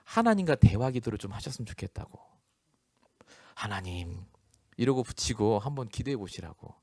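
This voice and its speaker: A man's voice: on the low side, expressive, moderate pace, dry recording, clean studio sound. A male pastor delivering a storytelling sermon, acting out the people he quotes and laughing often. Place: church.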